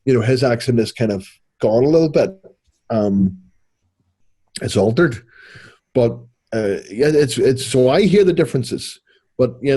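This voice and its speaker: A middle-aged man with a Belfast accent, co-hosting a podcast in relaxed, rambling casual chat. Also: medium pitch, husky. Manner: relaxed, rambling, self-correcting. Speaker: podcast co-host.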